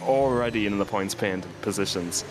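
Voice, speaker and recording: A man co-commentating a league sim race, hesitant with fillers between points and more animated when the cars are racing. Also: lowish voice, normal speed, background noise. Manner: hesitant, many ums and restarts, gets animated during race action.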